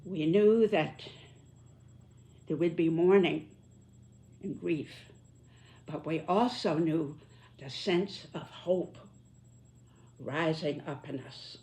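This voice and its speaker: This is a very old woman, in her nineties, with a somewhat low voice. She talks at a very slow, deliberate pace. Her reflective commentary is solemn, with emphatic stress on the phrases that matter. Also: dark tone. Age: 90s. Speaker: elderly commentator reflecting on history and politics. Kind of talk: reflective spoken commentary to listeners.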